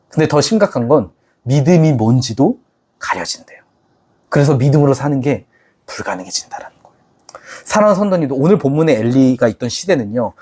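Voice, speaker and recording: A man's voice: medium pitch, darkish tone, husky. A man preaching a sermon as pastor, speaking casually to the congregation, asking them questions and acting out quoted voices. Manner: conversational, asks the congregation questions.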